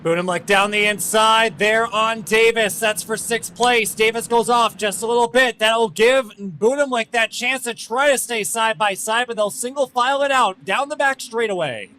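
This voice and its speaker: A man giving live play-by-play as a motorsport commentator, calling the action in excitable, clipped phrases. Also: very high voice, moderate pace, hardly any pauses, faint music behind, poor audio. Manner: excitable, clipped running calls.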